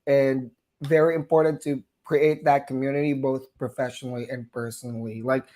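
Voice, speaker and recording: A male nurse from the Philippines who speaks with a Southern US twang chats as a guest in a conversational interview, laughing and using frequent fillers between phrases. His voice is medium-pitched and dark in tone, delivered flatly at a moderate pace.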